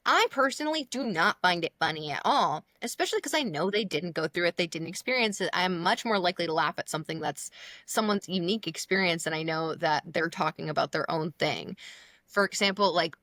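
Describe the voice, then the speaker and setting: A woman's voice: on the low side, a little fast, no room sound. A young woman, a guest comedian, telling a story in casual chat, filler-heavy, and acting out the dialogue. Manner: animated, lots of "like", acts out dialogue.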